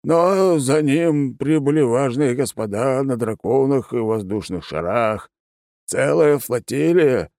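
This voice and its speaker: A man voicing a dignified toothless old villager in an audiobook, slow and mumbling. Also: mid-range voice, lively intonation, a little mellow, dry recording, clean studio sound, voice pushed up. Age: older.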